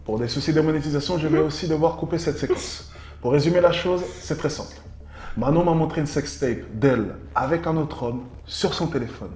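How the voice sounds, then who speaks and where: A man's voice: a little high, brisk, darkish tone. A man in his twenties presenting a video with formal, scripted narration to camera. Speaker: presenter of a loyalty test video. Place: living room, indoors. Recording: roomy echo under music. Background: music.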